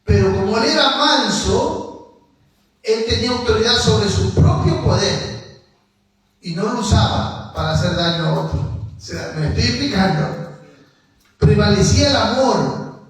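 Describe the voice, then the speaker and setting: A man's voice: high voice, measured pace, a bit bright. A man preaching an emphatic sermon, asking the congregation to repeat phrases after him. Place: church hall. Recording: very echoey hall, voice from far off.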